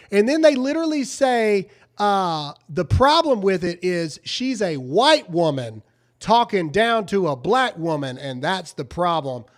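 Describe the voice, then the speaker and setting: A man hosting a political talk show, blunt and mocking, getting heated as he reacts to clips and banters with co-hosts. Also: sits high. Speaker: host.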